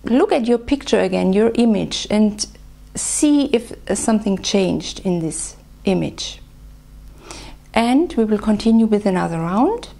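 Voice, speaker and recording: A woman leading a guided tapping session, speaking slow, soothing phrases for the listener to repeat. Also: medium pitch, animated, gravelly, warm tone. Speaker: EFT practitioner.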